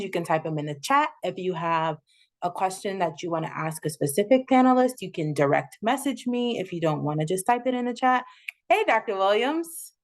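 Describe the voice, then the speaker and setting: A woman resident from Houston hosting a casual panel over a video call, chatty and full of ums. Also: on the low side. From Houston, Texas. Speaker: panel moderator, second-year resident.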